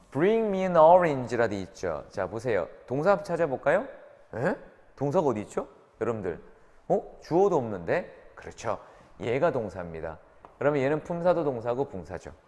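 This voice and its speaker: Animated male grammar lecturer, reverberant room. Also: mid-range voice, normal speed. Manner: questioning students, repeating tag questions. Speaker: English teacher.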